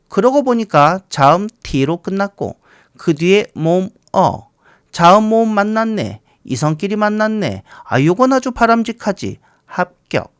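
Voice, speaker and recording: A middle-aged man teaching English grammar in a recorded lecture, playful, talking to words as if they were people and reading English examples slowly. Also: high voice, clear, resonant tone, dry recording, clean studio sound. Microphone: close studio mic, voice-over.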